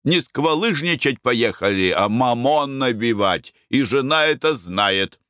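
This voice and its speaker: A man's voice: mid-range voice, animated, unhurried, a bit bright, clear, resonant tone, dry recording, studio quality, voice pushed up. A man voicing a cheerful, free-spending merchant in a storybook reading. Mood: boisterous. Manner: boisterous, hearty.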